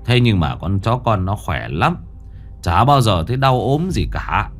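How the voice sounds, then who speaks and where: Một người đàn ông kể chuyện đóng vai một ông lão quê hay lo, than thở và lắp bắp vì sợ. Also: male voice, on the low side, very animated, measured pace, heavily acted. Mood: lamenting. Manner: lamenting, stammering. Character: frightened old village man, fretful and deferential.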